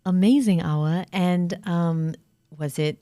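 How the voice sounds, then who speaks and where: A woman's voice: fairly low pitch, takes it slowly, mellow, no room sound. A woman in her thirties hosting a casual interview with her best friend, playful and teasing. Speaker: host.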